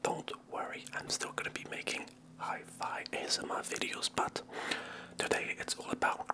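A young man whispering close to a small earphone mic as the host of a fast, aggressive lo-fi ASMR video. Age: young adult. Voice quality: whispered, unvoiced. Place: small indoor room at home. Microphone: small earphone mic held close to the mouth.

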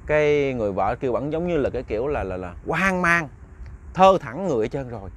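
A man's voice: medium pitch, expressive, fairly quick, a bit bright. A man with a Southern Vietnamese accent telling a ghost story, chatty and talking straight to his listeners. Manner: chatty, addresses listeners directly.

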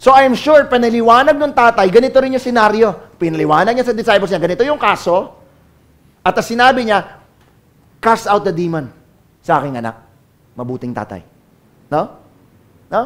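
High-voiced Filipino man preaching. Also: lively intonation, moderate pace, pauses often. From Philippines. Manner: preaching in mixed Tagalog and English, calling out to the congregation for amens; swings between loud calls and low, quiet asides. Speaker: pastor. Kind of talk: sermon.

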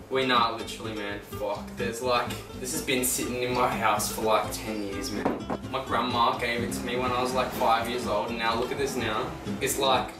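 A man's voice: mid-range voice, far from the mic. A man in his late teens talking casually to camera, slangy, sweary and reluctant. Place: home kitchen and dining room. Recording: echoey room, off-mic, loud music.

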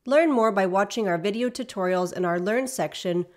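A woman narrates a software tutorial from a script. Her voice sits at a medium pitch. She gives each instruction in a measured, explanatory manner suited to an app demo.

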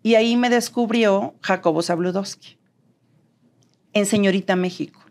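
Animated Mexican woman telling stories. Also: mid-range voice, moderate pace. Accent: neutral Mexican Spanish. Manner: animated, acts out quoted dialogue. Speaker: guest. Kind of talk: storytelling interview chat.

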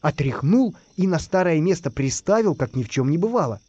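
A man voicing a calm, cheerful little pencil artist in a reassuring way. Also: a little high, fairly quick, no echo, lo-fi sound.

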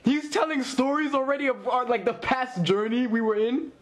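A man with a notably high voice talks through an episode as it plays, in casual live reaction commentary. He is excitable and rambling, jumping from thought to thought with constant fillers. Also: normal speed. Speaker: anime reaction host. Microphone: wearing earphones while recording.

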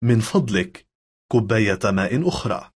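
A man, reading lesson phrases in a measured, careful way. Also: fairly low pitch, expressive, slightly rough. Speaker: language lesson speaker.

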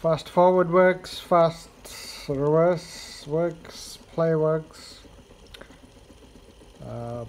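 At a cluttered home table indoors, a man shows off his hobby repair work in a casual, unscripted demonstration. His medium-pitched voice is a little mellow, and the amateur home video is a rough recording with noticeable background noise.

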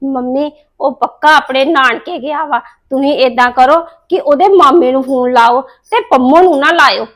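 A woman's voice: sits high, moderate pace, a bit bright. A woman playing a practical daughter explaining events to her worried mother in a family drama. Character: young woman reasoning calmly with her mother.

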